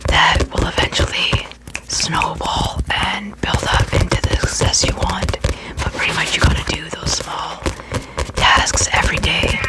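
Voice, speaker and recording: Asmr creator whispering about books, all breathy no voice, repeats bits sometimes. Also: mid-range voice, poor audio.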